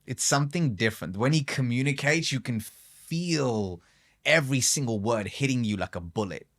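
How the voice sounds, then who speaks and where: Bright-toned man, slow earnest guest. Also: medium pitch, lively intonation. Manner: earnest, slow and emphatic when reflecting. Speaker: podcast guest. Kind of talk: reflective interview conversation. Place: podcast studio.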